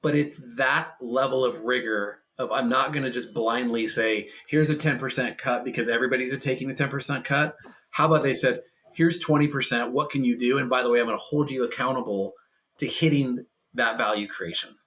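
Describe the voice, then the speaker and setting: Podcast guest, male, emphatic and repetitive, acts out quotes, middle pitch. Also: a little fast, a bit bright. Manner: emphatic, repeats key phrases, acts out quoted dialogue. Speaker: guest, healthcare and private equity tech leader. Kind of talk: casual podcast conversation.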